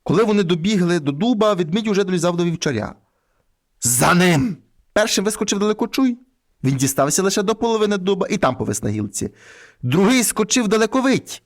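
Man, storyteller, high voice, very lively intonation, fairy tale reading. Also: quick pace.

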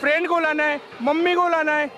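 A young man vlogging excitedly outdoors at a water park, talking loudly into a camera held at arm's length. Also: extremely high pitch, fairly quick. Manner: loud, hyped, calls viewers "bhai". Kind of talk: excited vlog walkthrough. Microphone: action camera held at arm's length. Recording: loud crowd and splashing.

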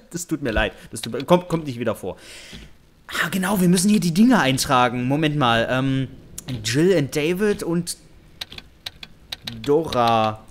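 Sarcastic man in lively game commentary. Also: a little high, a little hiss or hum. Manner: joking and sarcastic, talks to the game character. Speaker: let's play host. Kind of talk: casual horror game commentary.

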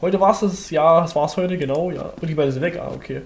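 A man's voice: fairly high pitch, fairly quick, slight background noise. A man hosting a let's play with casual commentary, thinking aloud in fragments.

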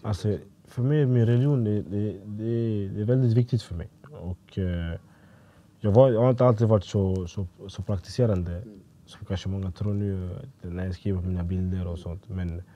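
A young man talks in a low, very dark and mellow voice, recounting a story in a relaxed podcast chat. He keeps quoting his own thoughts with lively feeling. The sound is somewhat dull and lo-fi. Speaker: podcast guest, footballer. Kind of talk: casual storytelling interview.

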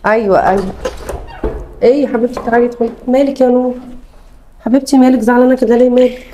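Woman doing an egyptian mom, insistent, talks really fast. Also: fairly high pitch, steady tone, dark tone, slight background noise, natural voice. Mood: tender. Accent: Egyptian Arabic. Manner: pleading, insistent. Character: caring young mother, stubborn in arguments.

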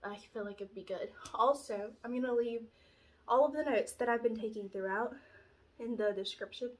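Speaking at a fairly high pitch and moderate pace, a young woman vlogs a chatty pregnancy update indoors in a small room at home, rambling with many fillers. Allergies have left her nose stuffy, and a camera in front frames her at the chest.

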